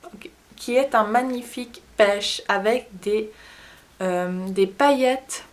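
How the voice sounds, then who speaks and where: A woman with a Swiss French accent, chatting casually through a makeup haul and often pausing to search for words. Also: mid-range voice. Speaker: beauty vlogger. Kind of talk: casual product haul chat.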